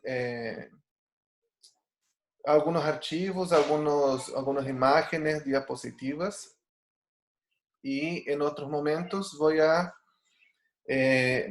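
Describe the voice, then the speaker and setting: In an echoey room, a Brazilian man with a slightly high voice leads a Bible study by video call, Portuguese being his native language. His delivery is earnest, full of fillers and false starts.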